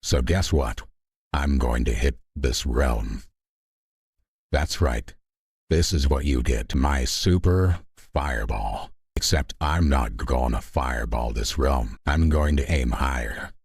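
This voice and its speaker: A man voicing a boastful, outraged sorcerer in an improvised comedy skit, making bombastic announcements in a gravelly, rough voice. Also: a bass voice, takes it slowly, a little mellow, no room sound, studio quality, voice pushed down, full character voice. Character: ranting boastful male sorcerer villain, comically outraged.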